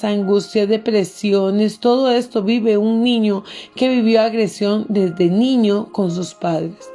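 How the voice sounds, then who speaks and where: A woman's voice: mid-range voice, dark tone. A middle-aged woman pastor, telling a personal story in an earnest sermon and calling her listeners beloved.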